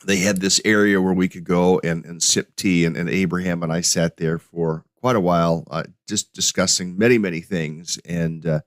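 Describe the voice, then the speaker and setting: Middle-aged man, low voice, dry close sound, hesitant podcast host with frequent restarts. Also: steady tone, moderate pace, hardly any pauses, dry recording. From United States. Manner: hesitant, many restarts and fillers. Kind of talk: casual solo podcast with slides.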